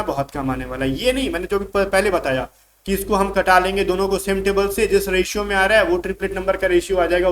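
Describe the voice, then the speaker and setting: Male math tutor, high voice, chatty exam-prep lesson, slow English read-outs, faint background hiss. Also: fairly bright tone. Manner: calls students "bhai", reads English questions slowly. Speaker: math teacher.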